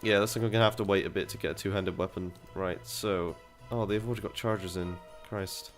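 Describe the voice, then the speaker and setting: A man's voice: low voice, steady tone, brisk, soft background music. A young man giving casual, chatty commentary while playing a game, thinking aloud and swearing casually. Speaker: gaming video host.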